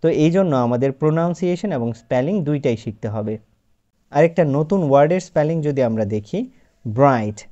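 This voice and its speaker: A man's voice: a little high, lively intonation, mellow. Man teaching spelling, patient, lo-fi sound. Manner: patient, repeats example words slowly and clearly. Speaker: English teacher. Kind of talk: spoken lesson, explaining step by step. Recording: dull lo-fi sound.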